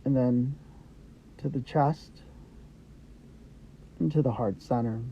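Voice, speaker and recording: A man with a medium-pitched voice guides a Yoga Nidra meditation, giving gentle, unhurried instructions in short phrases separated by pauses. The audio is dull and lo-fi, with background noise.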